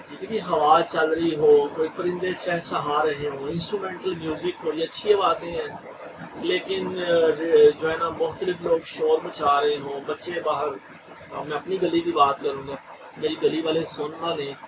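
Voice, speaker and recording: A man teaches an online training session in a chatty, easygoing way, dropping in English phrases and often checking that his listeners follow. His voice sits high. He is recorded from a distance, with clear noise in the room behind him. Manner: chatty, mixes English phrases, frequent "theek hai ji" checks. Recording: distant mic with noisy room ambience.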